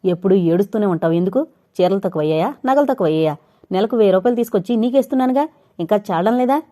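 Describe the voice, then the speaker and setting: A woman voicing a loud, angry drunken husband. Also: medium pitch, quick pace, lightly acted. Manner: loud, curt shouting.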